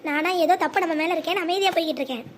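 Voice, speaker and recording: Voice actor as scheming grown daughter, melodramatic pleading, cartoon, very high sped-up voice, quick. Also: fairly bright tone, a little hiss or hum. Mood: defiant. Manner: arguing, then melodramatic pleading.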